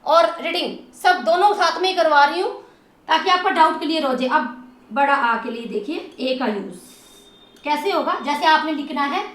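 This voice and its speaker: High-voiced woman teaching phonics, echoey. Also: fairly bright tone. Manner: slow, drawn-out sounding of letters and words. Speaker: English teacher. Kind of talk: phonics lesson.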